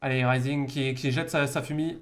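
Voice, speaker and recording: In a noisy game stream punctuated by gunfire and clicks, a French esports caster delivers informal live commentary on a match. His mid-range voice is steady and at a normal speed, and he repeats words as he searches for the next phrase.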